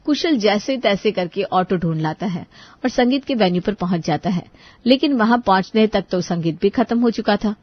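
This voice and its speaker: A woman's voice: mid-range voice, expressive, moderate pace, lo-fi sound. Woman narrating a cartoon story.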